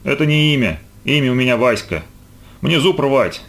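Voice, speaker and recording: Мужчина, изображающий робкого испуганного мальчишку. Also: male voice, medium pitch, lively intonation, normal speed, creaky, a bit bright. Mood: timid. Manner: timid, short answers. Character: frightened young boy patient.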